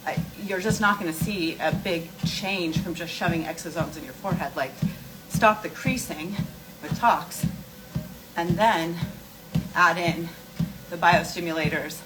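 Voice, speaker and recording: Speaking in a fairly low pitch, a woman runs a casual skincare and wellness livestream, fielding viewer questions. She explains things emphatically, circling back to key points with rhetorical questions. The recording quality is low.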